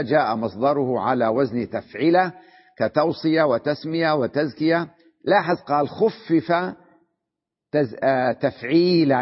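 In a reverberant hall, heard through a dull lo-fi recording, a man acting as a sheikh reads a text and then explains its grammar, checking often that his students follow. His voice is a little high and slightly rough.

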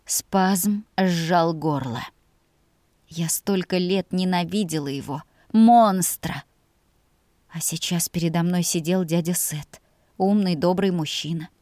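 A woman narrating a story in the first person with a measured, emotional reading. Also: lowish voice, a little mellow, no echo, studio quality. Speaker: audiobook narrator.

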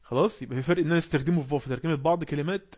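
A man with an Egyptian accent teaching an English class online, explaining words and quizzing the class with quick questions. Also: fairly high pitch, darkish tone. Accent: Egyptian Arabic. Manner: reads English passages slowly.

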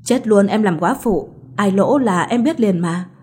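A woman voicing a gentle, doting young husband in a storybook reading, speaking in a soft, coaxing way. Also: mid-range voice, measured pace, husky. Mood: tender.

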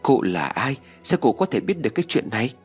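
A talkative village grandmother chats with a husky, lively voice, as a man reading a ghost story puts her on. Her tone jumps around with animated rises and falls. Soft music lies underneath. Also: medium pitch, a little fast, pitched above the performer's own voice. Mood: astonished.

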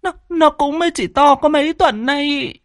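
A man's voice: very high-pitched, moderate pace, dry recording, studio quality, voice pushed up. Man voicing teen girl, frightened, stammering, storybook horror. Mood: pleading. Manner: stammering, pleading.

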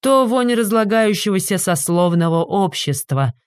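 A woman voicing a drunken, belligerent male demon posing as a worker, loud and slurring. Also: high-pitched, expressive, moderate pace, clear, resonant tone, no echo, pitched above the performer's own voice.

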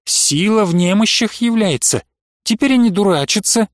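Male narrator playing a devout young woman, earnest and rapt, high voice, dry close sound. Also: animated, normal speed, no echo. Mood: earnest rapturous. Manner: rapturous, quietly earnest.

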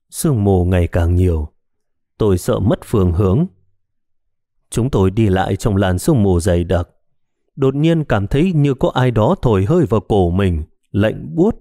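A man narrating a horror detective story in a scripted, expressive storytelling manner on a close mic. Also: on the low side, dry recording. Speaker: audiobook narrator.

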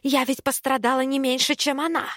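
A woman's voice: sits high, flat delivery, brisk, fairly bright tone, no room sound, clean studio sound, voice pushed up. A woman voicing a wronged young witch who pleads in a sorrowful voice. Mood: pleading.

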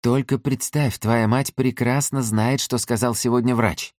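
A timid, polite young clerk murmuring his replies, read by a male narrator. His tone stays soft and meek, in a dry, close storybook recording. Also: mid-range voice, fairly even intonation, unhurried, dry recording, voice pushed up, natural voice.

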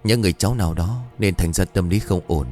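A man's voice: deep voice, fast, darkish tone, faint music behind, natural voice. A man doing thoughtful boy Sơn. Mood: musing.

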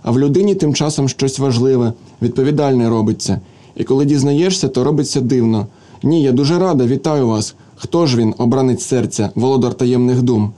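A man's voice: medium pitch, a little fast, close to an everyday voice. A man voicing a hot-tempered young clerk woman. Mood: surprised. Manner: sharp, indignant retorts.

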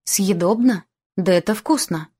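A woman's voice: lowish voice, lively intonation, normal speed, darkish tone. A woman voicing a cheerful boyish uncle. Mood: enthusiastic. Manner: boyish, enthusiastic. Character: cheerful playful older male uncle.

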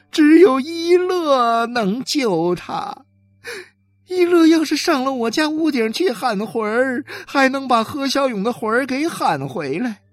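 A woman's voice: fairly high pitch, no echo, exaggerated voice. A woman voicing a desperate wife who is crying and pleading for her dying husband, with a wailing, tearful delivery. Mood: lamenting. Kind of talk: dramatic reading.

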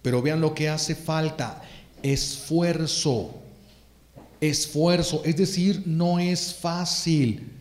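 A priest giving a fervent sermon, repeating phrases for emphasis. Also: male voice, a little high, fairly even intonation, takes it slowly, darkish tone, echoey room.

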